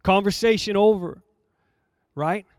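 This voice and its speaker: A man preaching a sermon, reading scripture aloud and explaining it in a measured, emphatic way, repeating phrases for effect. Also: sits high, a little mellow, no echo, studio quality.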